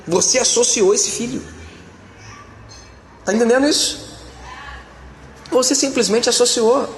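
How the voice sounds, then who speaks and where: A high-voiced pastor preaches with emphatic, colloquial directness, calling out to his listeners as he goes. His voice rings through a roomy hall with a long tail of reverb, faint ambience behind him. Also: a little hiss or hum. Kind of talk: sermon.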